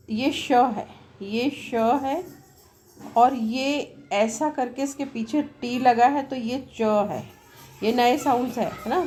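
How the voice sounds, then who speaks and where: A woman English teacher with a somewhat high voice speaks slowly and deliberately at the board, mixing Hindi with English. She talks loudly over noise from a nearby event, repeatedly asking the class if they've understood, while clear music from an outside program plays throughout.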